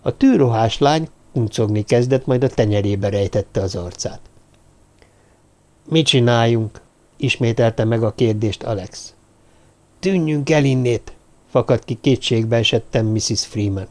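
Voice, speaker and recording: A man reading a novel aloud as an audiobook narrator, in a calm, even telling. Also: lowish voice, hardly any pauses. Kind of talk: scripted narration.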